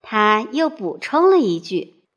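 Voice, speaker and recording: Lively, high-voiced woman reading a storybook. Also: takes it slowly, dull audio. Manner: expressive, with playful questions to the listener.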